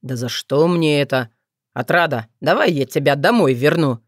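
A woman's voice: low-pitched, expressive, moderate pace, no echo, clean studio sound. A woman narrator voicing a weary young man who grumbles and sounds resigned. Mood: grumbling.

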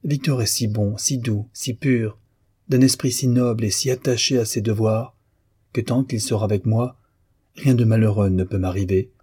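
A man's voice: on the low side, fairly even intonation, normal speed, husky. A man voicing a proud, clever young violinist. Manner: polite, confident, quietly proud.

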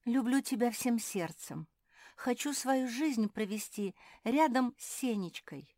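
A woman's voice: on the high side, animated, takes it slowly, warm tone, dry recording, studio quality, voice pushed up. A woman voicing a tearful, emotional female bulldog bride in a children's audiobook.

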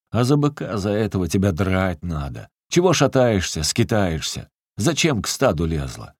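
A man voicing a huge, tipsy village strongman who scolds roughly in a booming bass. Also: darkish tone, no echo, clean studio sound.

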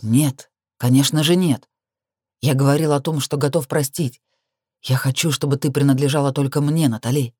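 A woman voicing a low, possessive male lover. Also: steady tone, moderate pace, a little mellow, no echo, clean studio sound, lightly acted. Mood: insistent. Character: intense, possessive young man lover.

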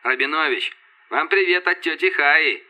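A male narrator voicing a calm, teasing male fleet commander who speaks evenly. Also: a little high, pitched above the performer's own voice. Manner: calm, unhurried.

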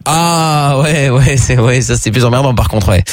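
A man's voice: medium pitch, moderate pace. A man hosting a late-night radio call-in show, teasing callers and reading listener messages aloud. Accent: French. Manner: teasing, joking, reads listener texts aloud. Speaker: radio host. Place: radio studio. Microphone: studio mic.

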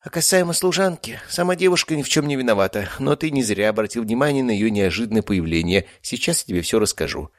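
A man's voice: mid-range voice, expressive, quick pace, hardly any pauses, no room sound, studio quality, voice pushed up, close to an everyday voice. A man voicing a grumbling, boastful male cat werewolf with a cheeky, purring manner in an audiobook. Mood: sighing.

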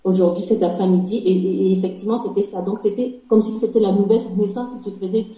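During a church session, a woman shares a dream as conversational testimony, speaking hesitantly and restarting often. Her voice is mid-range, steady and dark, and she talks fast, though the recording is very echoey and muffled.

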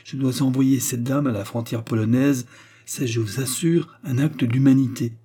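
A protective, decisive young hero, as a male reader plays him. His voice is dark and somewhat husky, earnest and urgent. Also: medium pitch, fairly even intonation, moderate pace, natural voice.

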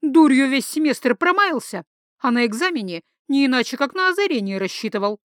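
A woman's voice: fairly high pitch, sing-song, moderate pace, no room sound, clean studio sound, pitched above the performer's own voice. A woman voicing an indignant, stubborn young woman who makes mocking retorts. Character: young woman, sharp-tongued, stubborn and principled.

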